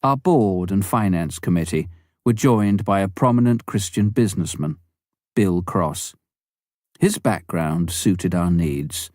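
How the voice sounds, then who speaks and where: A man reads a memoir aloud in the scripted manner of an audiobook, his fairly low voice very mellow and his delivery measured and clearly phrased. The recording is dry and close, with little room sound.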